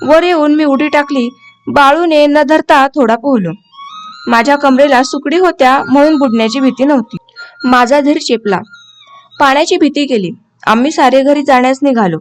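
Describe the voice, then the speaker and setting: A woman narrating a classic story as an audiobook reader, with a steady, expressive delivery. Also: high voice, moderate pace, faint music behind.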